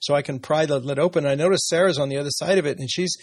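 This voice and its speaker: A man's voice: fairly high pitch, rapid-fire. A middle-aged man, an interview guest, talking about his family in an earnest, reflective way with some hesitation. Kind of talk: personal story in conversation.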